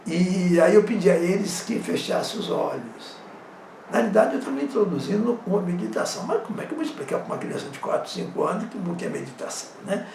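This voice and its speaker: A man talks through his memories in an easy, conversational way, checking in with the listener again and again. His voice sits high and swings widely in pitch, with a gravelly rasp. He was recorded some distance from the mic in an echoey room with faint background noise. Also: big pitch swings, fast talker, a little mellow. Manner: conversational, frequent tag questions. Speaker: psychosomatic therapist and former judo instructor. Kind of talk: casual storytelling monologue.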